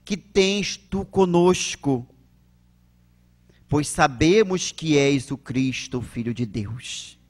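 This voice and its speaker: A man voicing a hoarse possessed man ruled by unclean spirits, low, slow and hushed. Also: expressive. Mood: defiant.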